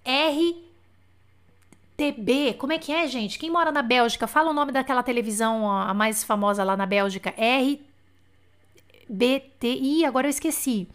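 A woman's voice: high voice, normal speed. A woman who teaches French on a live stream, chatting casually as she reads out viewers' comments and slips into French phrases. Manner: chatty, reads comments aloud, switches between Portuguese and French.

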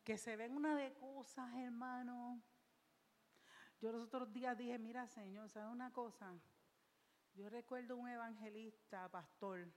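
A woman's voice: on the high side, fairly even intonation, unhurried, a little mellow, in a large hall. A woman pastor preaching a sermon in church, emphatic and repetitive, with rhetorical questions.

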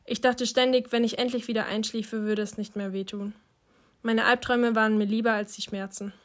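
Soft-spoken woman reading a novel. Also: fairly high pitch, level tone, a little fast. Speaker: audiobook reader. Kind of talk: first-person novel reading.

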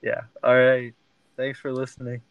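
A man's voice: mid-range voice, completely flat delivery, normal speed, gravelly, lo-fi sound, slight background noise. A man co-hosting a podcast in casual banter, playful and laughing as he coaxes his co-host. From outside the United States.

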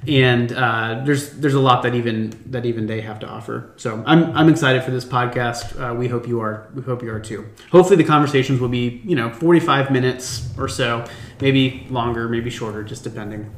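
A man's voice: mid-range voice, brisk. Man on a tinny, tin-can-sounding mic. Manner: earnest, chatty, with frequent restarts. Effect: tinny sound, as if recorded inside a tin can. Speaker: podcast host. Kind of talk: casual family podcast chat. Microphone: temporary microphone, not the usual podcast mic. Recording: tinny echoey room sound from a makeshift mic.

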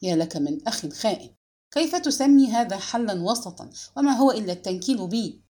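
A woman voicing a frightened, shy young bridegroom in an audiobook, pleading in a higher, louder voice. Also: animated, fairly quick, close to an everyday voice. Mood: indignant. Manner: pleading, frantic.

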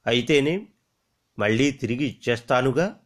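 A man's voice: mid-range voice, normal speed, lightly acted. A man voicing a wounded young lover who pleads and insists in a storybook reading. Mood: insistent. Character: wounded young male lover, desperate and demanding.

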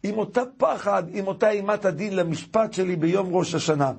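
A man voicing a shaken new immigrant reflecting earnestly on judgment, slightly high and husky. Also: darkish tone, full character voice.

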